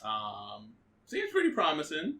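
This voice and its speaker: A man's voice: a little high, wildly swooping pitch, a little slow, bright, forceful tone. A man co-hosting a casual podcast, easygoing, laughing often and echoing the others' lines. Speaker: podcast co-host. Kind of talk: casual chat. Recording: distant mic with faint noise and room ambience.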